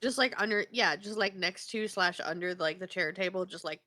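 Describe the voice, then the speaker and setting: A woman's voice: fairly low pitch, a little fast, sharp tone. A woman chatting casually and playfully, with slang, as a player in a tabletop game. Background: background music.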